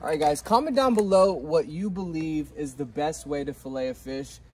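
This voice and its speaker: A man's voice: a little high, normal speed, darkish tone, a little hiss or hum. A man hosting an outdoor cooking vlog, upbeat and saying y'all a lot. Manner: upbeat, says y'all often. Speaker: vlog host. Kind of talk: casual vlog chat.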